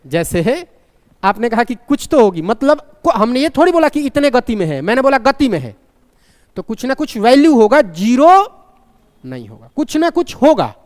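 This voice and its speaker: A man's voice: very high voice, very animated, moderate pace, a little mellow. A man teaching a live physics class, terms into his talk and repeatedly quizzing his students. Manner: questioning, repeats key points. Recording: long reverb from a large room.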